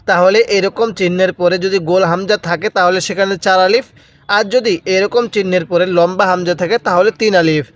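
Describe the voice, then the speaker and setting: A man teaching Quran recitation step by step, chanting Arabic words slowly and drawn out, then explaining quickly. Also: high-pitched, fairly even intonation. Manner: repeats words for the viewer to copy.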